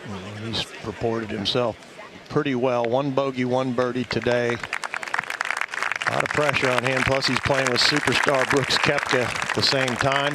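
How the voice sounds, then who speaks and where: Golf commentator guy, chatty unhurried analysis, medium pitch, clear crowd noise behind. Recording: outdoor crowd and background noise.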